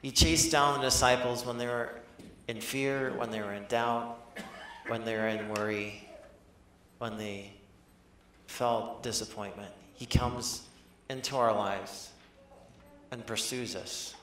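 A pastor delivers a conversational, animated sermon in a church and keeps asking his listeners questions. His voice is bright and forceful. The sound rings around a roomy hall. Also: medium pitch, slow pace, a little hiss or hum.

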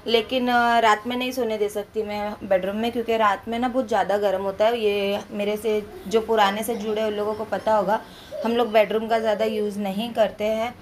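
A young woman from India giving a chatty, loud voice-over for her home family vlog. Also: mid-range voice, little pitch movement, brisk. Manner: talks loudly and chattily to viewers. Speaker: family vlogger. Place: at home, indoors.

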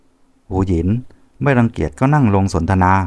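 A man voicing a handsome young nobleman who asks relaxed, smiling questions. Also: sits low, moderate pace, gravelly, no room sound. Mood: amused.

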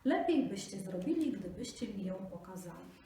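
A sly little male jackal plays dumb in a high, fussy, overly polite voice, as a woman reads him in a storybook. The room echoes heavily and the mic sits far off, with faint noise underneath. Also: big pitch swings, moderate pace. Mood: feigning. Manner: high, bright, fussily polite. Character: small sly male jackal feigning stupidity.

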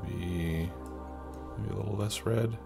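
Slow and on the low side with some vocal fry, a man hosts a let's play while congested from a cold. He casually remarks on his gameplay, thinking aloud and using lots of fillers, as music and keyboard typing sound in the background.

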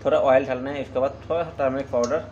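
A man's voice: medium pitch, fairly even intonation, rapid-fire, muffled recording, background noise. Chatty man narrating home cooking. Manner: chatty, step-by-step, keeps saying "friends". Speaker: cooking vlogger. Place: home kitchen.

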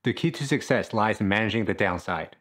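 Brief: fitness coach in his thirties, punchy and jokey, fairly low voice, filmed at home. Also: lively intonation, fairly quick, fairly bright tone. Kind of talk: scripted talk to camera. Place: small room at home, indoors.

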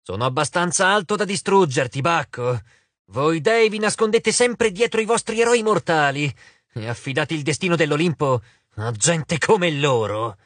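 A man voicing a vain, blustering male giant who squeaks and stammers. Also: animated, normal speed, a bit bright, no room sound. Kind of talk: audiobook character voice.

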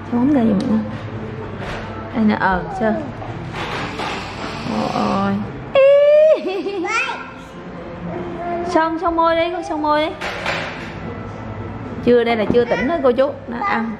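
A young mother and vlogger, her voice a little high, speaks at a moderate pace with long pauses while filming a casual family vlog at home. She playfully coaxes and praises her children as they eat, talking to both the kids and her viewers. Music plays underneath, and the background noise is loud.

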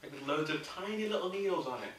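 A man joining a casual tasting review, reacting loudly and animatedly. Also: on the high side, expressive, fast. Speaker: co-host, guest taster. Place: indoor room. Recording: echoey room, distant mic, faint noise.

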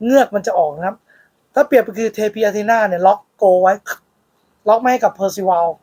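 Fast-talking blunt shop owner man. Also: sits high, a little mellow. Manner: blunt, crude and teasing. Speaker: card shop owner and channel host. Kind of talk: casual chat. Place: card shop.

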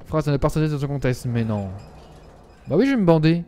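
A man's voice: fairly high pitch, lively intonation, brisk, warm tone, clean tone. A young man streaming a game live, chatting to his viewers and bursting into dramatic yelps when scared. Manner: talks to viewers and game characters. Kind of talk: live gameplay commentary.

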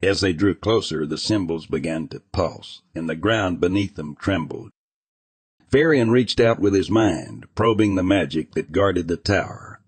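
A man narrating a fantasy audiobook in an even, measured reading style. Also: sits low, husky, no room sound.

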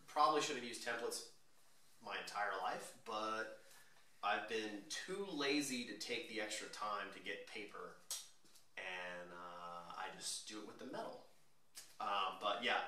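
A man casually walking through his own car modification project, relaxed and rambling with lots of fillers. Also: on the low side. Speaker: DIY car modder. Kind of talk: casual DIY walkthrough. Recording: echoey room, mic at a distance.

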